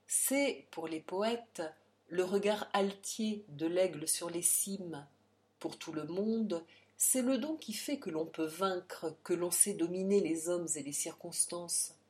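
A woman reading a novel aloud in measured, theatrical storytelling narration. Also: on the low side, a little mellow. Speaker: audiobook narrator. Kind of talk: scripted dramatic narration.

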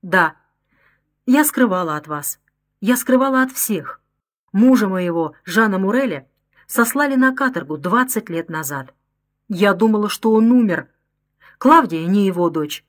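A woman's voice: medium pitch, expressive, measured pace, long pauses, close to an everyday voice. A woman voicing a desperate middle-aged mother in an audiobook, crying out in anguish. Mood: despairing.

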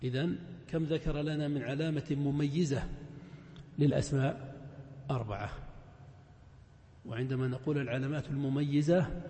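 A grammar teacher leads a lesson in a large mosque, working step by step through examples and questioning his students. His voice is a little high, mellow and soft-edged. Long reverb rings out across the hall.

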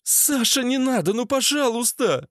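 A man reading an audiobook, voicing a demanding young woman who panics and pleads in a shrill, high voice. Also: sing-song, measured pace, no echo, studio quality, exaggerated voice. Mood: pleading.

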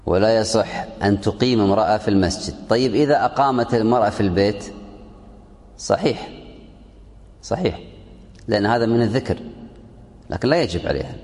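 A man's voice: lowish voice, animated, fairly quick, long pauses, darkish tone, long reverb tail. A man teaching a religious text to a class, repeating key phrases and quizzing his students. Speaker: sheikh teaching a fiqh text. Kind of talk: classroom lesson explaining a text.

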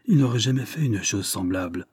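A man's voice: fairly low pitch, animated, brisk, darkish tone, slightly rough, no room sound, studio quality. A man voicing a worried, deferential butler who apologizes and protests earnestly. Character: anxious middle-aged male butler, deferential.

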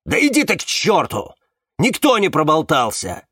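A hot-tempered man who explodes into yelling, voiced by a male narrator. Pitched up and loud, swinging hard between words. Dry close sound. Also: wildly swooping pitch, measured pace, dry recording, heavily acted. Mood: furious.

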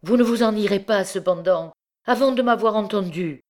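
A woman's voice: deep voice, normal speed, a little mellow, natural voice. A woman reading an audiobook, voicing an anguished young man who pleads in a shaky voice. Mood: insistent.

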